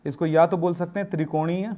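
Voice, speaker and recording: Man teaching chemistry, mellow voice. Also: a little high, steady tone, fairly quick. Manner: asks students questions and answers them himself; strict, scolding about homework. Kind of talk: classroom lecture.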